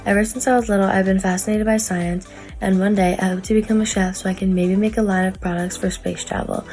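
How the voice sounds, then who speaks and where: Quick, even-toned young female student over music. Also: medium pitch. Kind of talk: prepared personal introduction.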